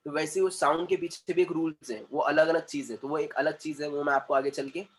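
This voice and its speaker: A male communication trainer gives a classroom lecture in a somewhat high voice. He explains at length, repeats himself and keeps checking that his students follow. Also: flat delivery, fairly quick. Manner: explanatory, repeats points, asks the class questions.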